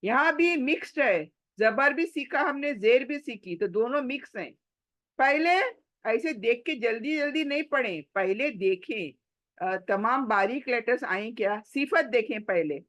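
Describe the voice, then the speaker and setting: Female recitation teacher, slightly high voice, slow and patient drills, repeats each sound over and over. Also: expressive, a bit bright. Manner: patient, repeats each sound many times and corrects mistakes. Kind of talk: slow drilling lesson, syllable by syllable.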